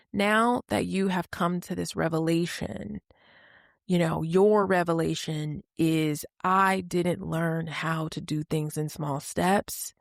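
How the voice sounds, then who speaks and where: Gravelly low-voiced woman podcast host. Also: dry recording, clean studio sound. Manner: candid, conversational, lightly sarcastic. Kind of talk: solo advice podcast.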